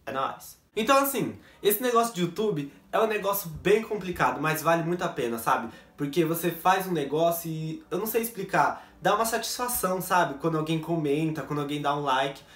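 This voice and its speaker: A man's voice: a little high, a bit bright, reverberant. A young man from São chatting casually to camera in a jokey, self-mocking vlog, recorded at home on a basic camera mic. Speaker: YouTuber. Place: bedroom set at home.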